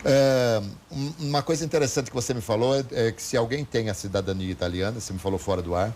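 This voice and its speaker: A Brazilian man hosting an interview, chatty and quick to interject while reading out listener questions. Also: medium pitch, a little mellow, slight background noise. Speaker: interview host.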